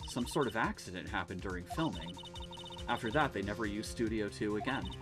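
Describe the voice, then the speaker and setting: A man's voice: fairly low pitch, a little fast, music in the background, lightly acted. A man reading aloud the lines of a chatty young female studio assistant from a game, in his own plain voice. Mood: gossipy. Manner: gossipy storytelling, read aloud.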